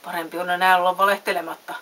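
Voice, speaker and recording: A woman's voice: lowish voice, level tone. A woman voicing a talking cricket who acts as a worried conscience, crying out and scolding. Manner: loud scolding cries. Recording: faint hiss.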